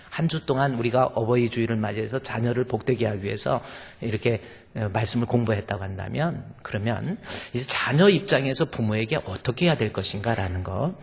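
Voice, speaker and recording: This pastor's voice is fairly low, creaky, and edged with breath. He preaches emphatically to the congregation, leaning on rhetorical questions, and his words ring out with the long reverb of a church sanctuary.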